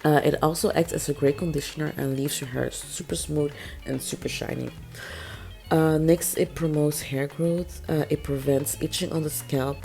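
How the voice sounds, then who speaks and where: A natural hair vlogger with a naturally very low voice, pushed even deeper and gravelly by a cold, walks through a hair-care routine. She's chatty and loose, full of ums, likes and little laughs, speaking at a moderate pace with fairly even intonation and a dark, mellow tone. Faint music plays underneath.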